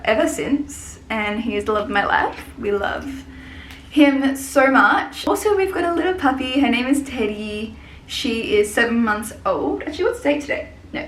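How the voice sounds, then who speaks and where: A woman's voice: a little high, a bit bright. A woman in her twenties, a hairdresser and salon owner, chatting casually and rambling in a vlog. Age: 20s. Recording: echoey room with faint hiss.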